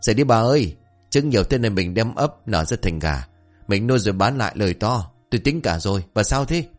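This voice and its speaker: A stubborn old villager, voiced by a male storyteller, blusters and boasts. His lowish voice moves lively up and down, over faint background music. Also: brisk. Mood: boastful.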